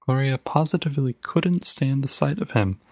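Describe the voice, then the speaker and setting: A man's voice: mid-range voice, moderate pace, vocal fry, a little mellow, dry recording, pitched above the performer's own voice. A man voicing a stern, determined mother, reading her lines firmly and insistently in a storybook reading. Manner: firm, clipped and insistent.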